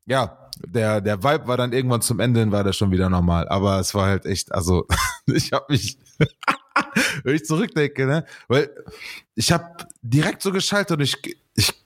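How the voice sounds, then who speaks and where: A man's voice: mid-range voice, expressive, moderate pace, dry recording, studio quality. A man casually telling a funny story in slangy street talk, laughing often.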